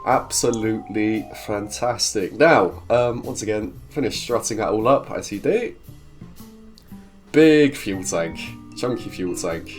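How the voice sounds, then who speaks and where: Soft background music accompanies this casual gameplay commentary from a gaming video host who is stuffed up with a cold. He talks in a lowish, expressive voice at a measured pace, staying cheerful and chatty as he rambles through building and narrating.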